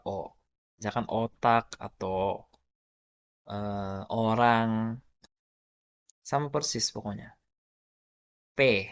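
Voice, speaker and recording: A man's voice: medium pitch, no room sound. A man with an Indonesian accent giving a casual spoken lesson, explaining patiently with lots of example words. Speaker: language teacher.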